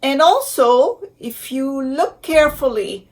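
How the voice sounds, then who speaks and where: A woman giving an instructional pronunciation lesson as a language teacher, deliberately demonstrating sounds and repeating example words. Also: high-pitched, sing-song.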